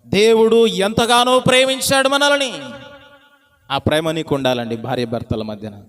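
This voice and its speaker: A man's voice: sits high, lively intonation, normal speed, a bit bright. A man. He builds his points through rhythmic repetition and keeps asking the listeners to call back their answers. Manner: calls on the congregation to answer aloud; rhythmic, repeating phrases for emphasis. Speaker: pastor. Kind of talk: sermon.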